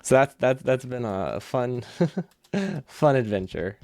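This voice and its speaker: A man's voice: medium pitch, animated, slow pace, gravelly, darkish tone, no echo, faint music behind. A man chatting casually on a game livestream, easygoing and rambling as he thinks aloud, his speech slightly impeded by a loose dental retainer. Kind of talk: casual livestream chat while gaming.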